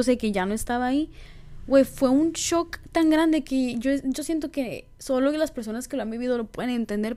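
A woman's voice: a little high, darkish tone. A young woman with a Mexican Spanish accent, hosting a candid, casual podcast monologue full of slang and fillers. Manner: slangy, candid, many fillers and repeated words. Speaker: podcast host.

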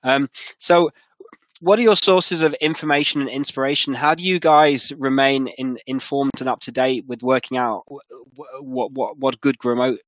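A man hosting a conversational interview, halting and repeating words as he thinks. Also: mid-range voice, fairly even intonation, a bit bright, no echo.

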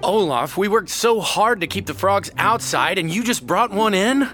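A man voicing an easygoing young mountain man who talks in a relaxed, friendly way in an audio drama. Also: high-pitched, normal speed, soft background music.

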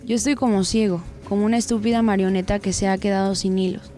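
A woman giving a dramatic first-person story reading, full of crude slang and unhurried delivery. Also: mid-range voice, fairly even intonation, dark tone, soft background music. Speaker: narrator.

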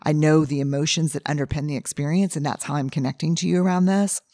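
A middle-aged woman hosts a podcast, her low voice hoarse and husky today as she tells stories quickly in casual solo talk. She's candid and animated, acting out what people said, and the recording is dry and close to the mic.

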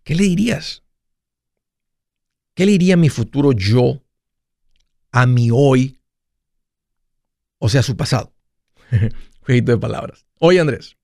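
A man's voice: mid-range voice, slow, vocal fry, pauses often, darkish tone, dry recording, studio quality. A man hosting a casual monologue, playful and jokey, often restarting mid-phrase. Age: 40s. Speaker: radio finance host.

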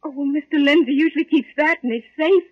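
A woman playing an excitable young secretary. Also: sits high, fast talker, no room sound, natural voice. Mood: anxious. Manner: breathless, excitable. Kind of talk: 1950s radio drama acting. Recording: dull old radio recording.

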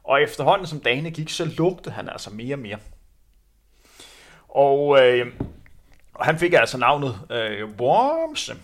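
A man's voice: mid-range voice, sing-song, long pauses. Guy rambling about old races, lots of uhs, casual chat. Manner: rambling storyteller, many fillers. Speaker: former runner telling stories.

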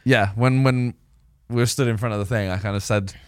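A man's voice: fairly low pitch, steady tone, a little fast, no echo, clean studio sound. A young man co-hosting a podcast, chatting casually, laughing often and acting out quoted dialogue. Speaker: podcast co-host. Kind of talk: casual chat.

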